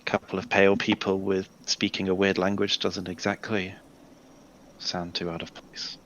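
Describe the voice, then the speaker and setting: A man's voice: low-pitched, flat delivery, moderate pace, fairly bright tone, highs cut off, slight background noise. A man casually playing his character in a tabletop role-playing game, wry and rambling. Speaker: player.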